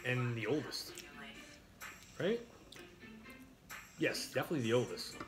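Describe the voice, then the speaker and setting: A man's voice: medium pitch, expressive, unhurried, over music. A man in his thirties chatting casually on a live stream at his kitchen table while eating, crude and joking, reading out viewer names. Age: 30s. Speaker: mukbang streamer. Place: home kitchen at a dining table.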